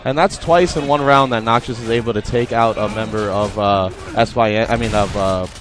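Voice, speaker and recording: Give me a fast-talking young man doing steady color commentary for a gaming tournament. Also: fairly low pitch, over music. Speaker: esports commentator.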